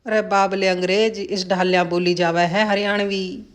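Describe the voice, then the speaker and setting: A woman's voice: medium pitch, little pitch movement, normal speed, natural voice. A woman voicing a blunt, teasing old village man who talks in rustic dialect.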